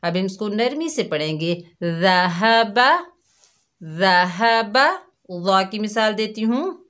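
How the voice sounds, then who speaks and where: A woman's voice: medium pitch, very animated, moderate pace. A woman with a Pakistani Urdu accent teaching Quran pronunciation to children, drawing out each syllable and repeating drills patiently. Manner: addresses pupils warmly as dear children. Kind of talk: slow, patient tajweed lesson for children.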